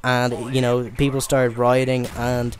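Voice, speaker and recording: A young man from Ireland talks loosely over his game footage in casual commentary, stumbling, restarting and filling gaps with ums and uhs. His voice sits at an ordinary middle pitch, with faint gunfire and game noise underneath. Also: completely flat delivery, measured pace. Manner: rambling, stammering with many fillers. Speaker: gaming commentator.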